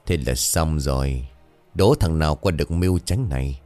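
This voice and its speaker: A man voicing a scheming old male village chief in a spoken ghost story, gruff, low and commanding. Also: normal speed, darkish tone, no room sound, soft background music. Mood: sinister.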